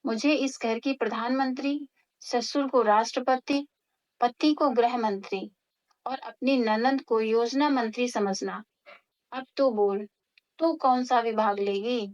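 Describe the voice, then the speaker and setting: A woman's voice: a little high, fairly even intonation, slow, darkish tone, lo-fi sound. A woman voicing a bossy middle-aged mother-in-law who lectures in a commanding way.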